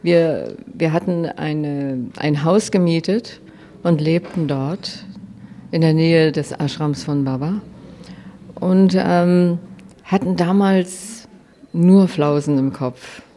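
An older woman telling a personal story in a lively way, often quoting her own thoughts. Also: deep voice, slow pace, a little hiss or hum.

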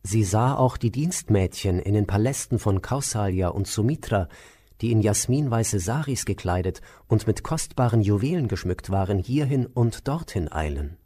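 A man narrating an epic tale in a measured, even reading. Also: on the low side, husky. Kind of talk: storybook narration.

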